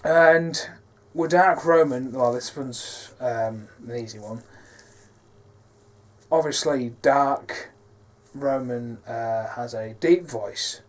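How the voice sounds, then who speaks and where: A man's voice: mid-range voice, slow pace. Hesitant man rambling about his films. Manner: rambling, hesitant with many fillers. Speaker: filmmaker. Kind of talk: casual behind-the-scenes talk.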